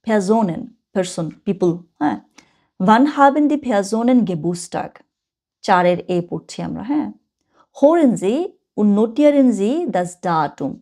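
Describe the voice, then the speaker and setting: Woman, casual language teacher, chatty, careful slow reading of examples. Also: medium pitch, darkish tone. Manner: casual, chatty, mixes languages, reads German slowly and carefully. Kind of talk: online language lesson.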